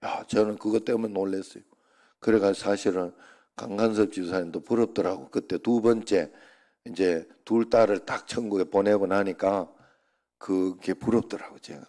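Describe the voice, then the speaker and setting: Middle-aged man, pastor, dark gravelly voice, loose joking sermon delivery. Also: lowish voice, fairly even intonation, normal speed. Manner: chatty, joking, rambling anecdotes. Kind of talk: informal sermon.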